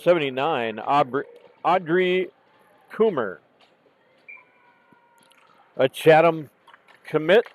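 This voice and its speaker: A man calling a junior women's hockey game play by play, hoarse from losing his voice, calm and unhurried, correcting himself now and then. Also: on the high side, poor audio. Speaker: play-by-play commentator. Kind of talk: live hockey commentary. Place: outdoor rink in cold weather.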